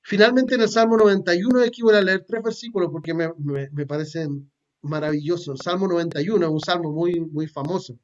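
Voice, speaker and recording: A man's voice: high-pitched, steady tone, fairly quick, highs cut off. A man with a Chilean Spanish accent preaching a sermon, reading scripture aloud and explaining it in a plain, conversational way with fillers and repeated words. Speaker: pastor.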